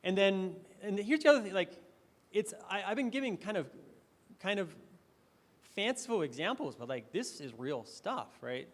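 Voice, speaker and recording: A man's voice: high-pitched, expressive, moderate pace. A man giving a conversational, enthusiastic conference presentation, checking in with the audience with questions as he goes. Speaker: conference speaker. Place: conference hall. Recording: long hall reverb.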